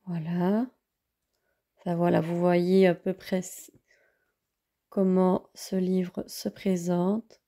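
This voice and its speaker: A woman's voice: fairly low pitch, little pitch movement, slow pace, long pauses, dark tone. A woman vlogger casually reviewing books, hesitant with many fillers.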